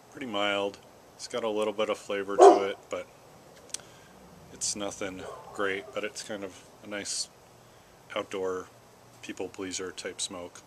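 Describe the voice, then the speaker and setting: A middle-aged American man chatting casually to camera in an unhurried, halting way, puffing on a pipe between phrases. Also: low-pitched. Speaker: vlogger. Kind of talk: casual rambling solo chat. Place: outdoors in a backyard garden. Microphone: camera at about arm's length or a little more. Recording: clear outdoor background noise.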